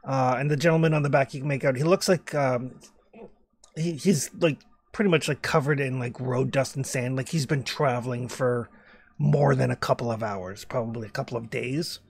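A man's voice: medium pitch, normal speed, vocal fry, husky. A man narrating as game master, hesitant with lots of fillers.

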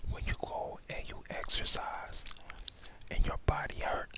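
A young adult man whispers a reassuring ASMR pep talk of affirmations straight to the listener, close on a headset microphone. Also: measured pace. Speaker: ASMR host. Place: indoors, small room at home. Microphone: headset microphone close to the mouth.

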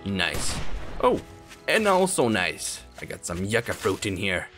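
A man giving excitable let's play commentary, swearing often and talking to himself and the game as he plays. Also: low-pitched, a little slow. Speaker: gaming channel host. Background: game music.

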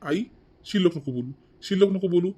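A man voicing a cheeky, fast-talking lazy son. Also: high voice, darkish tone. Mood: cheeky back-talk. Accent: Vidarbha Marathi. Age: 30s. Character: lazy, cheeky thirty-year-old son, back-talking. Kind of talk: cartoon voice acting.

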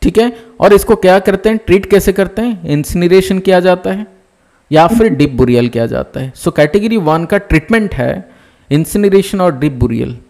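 A man with a high voice teaches a live nursing exam class. He walks through each point step by step, keeps asking whether students follow, and drops terms into his talk. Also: animated, moderate pace, darkish tone. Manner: explains step by step, often checks "ठीक है ना?". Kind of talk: live online class lecture.

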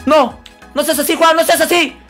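A man with a Peruvian Spanish accent chatting casually on a live stream while playing, excitable and swearing, often yelling at teammates. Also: very high voice, moderate pace, soft background music. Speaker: game streamer.

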